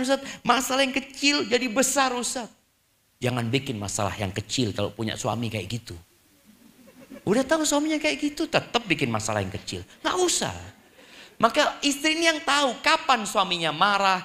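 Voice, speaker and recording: A man delivers a sermon to a gathered congregation in a bright, somewhat high voice. He is lively and conversational, shifting between formal phrasing and casual talk. He acts out short exchanges to make his point. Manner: lively, mixes formal and casual speech, acts out little dialogues. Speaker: preacher.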